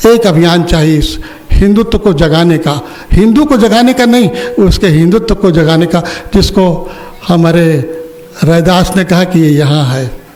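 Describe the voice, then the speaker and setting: High-voiced older man giving a sermon. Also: a little slow, darkish tone. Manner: storytelling, asks the audience questions. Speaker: spiritual teacher. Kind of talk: Hindi religious discourse. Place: ashram opening ceremony hall.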